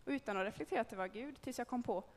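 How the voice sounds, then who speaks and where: A woman's voice: fairly high pitch, long reverb tail, slight background noise. A woman giving a candid, conversational personal testimony to a group, with frequent hesitations. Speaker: speaker telling a personal faith story.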